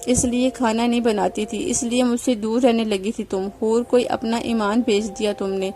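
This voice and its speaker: A woman's voice: on the high side, level tone, slight background noise, lightly acted. A woman voicing a heartbroken young husband who pleads with his wife, in her own reading voice. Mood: angry. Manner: pleading, then sharp and raised when angry.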